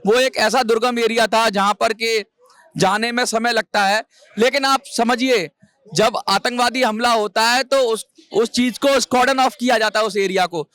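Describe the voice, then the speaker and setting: A man's voice: very high voice, fairly even intonation, moderate pace, a bit bright, no room sound. A man answering as a guest analyst in a news debate, explaining at length, restarting and stumbling over words.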